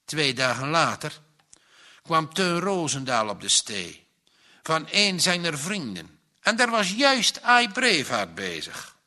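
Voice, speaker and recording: Slow expressive male storyteller. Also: fairly high pitch. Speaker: narrator. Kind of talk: storybook reading.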